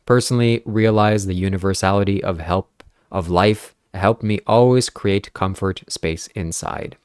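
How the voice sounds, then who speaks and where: A Ukrainian-native man hosts a casual livestream podcast, earnestly reading viewer comments aloud. His deep voice is a little slow and mellow, recorded cleanly in studio quality with no echo.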